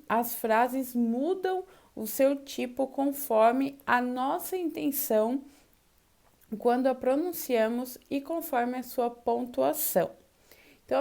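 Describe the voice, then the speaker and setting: A woman with a Brazilian accent teaches an online class, patient and methodical. Her voice sits a little high, and she swings it sharply upward when she acts out example questions. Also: creaky, a little mellow. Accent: Brazilian Portuguese. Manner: slow and explanatory, with exaggerated question intonation to demonstrate. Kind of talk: online Portuguese class lesson.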